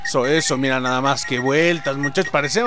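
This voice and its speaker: A young man commentating a video game, shouting, laughing and swearing as he plays. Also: medium pitch, fairly even intonation, brisk. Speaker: gaming youtuber. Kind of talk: excited gameplay commentary. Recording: game music behind the voice.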